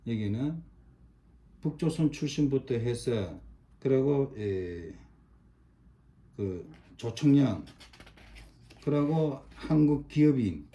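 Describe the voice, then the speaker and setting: A man's voice: mid-range voice, lively intonation, slow, pauses often, dark tone. A middle-aged man explaining a chart in a monologue, pointing item by item and repeating himself emphatically. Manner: repetitive, pointing with short demonstratives, emphatic. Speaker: online commentator.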